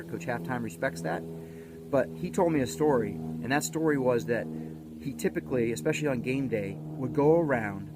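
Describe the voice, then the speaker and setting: A man's voice: medium pitch, darkish tone. A man speaks as a motivational coach giving a pep talk, emphatic and folksy, repeating key words for stress. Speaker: motivational coach host of a daily video series. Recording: background noise and ambience.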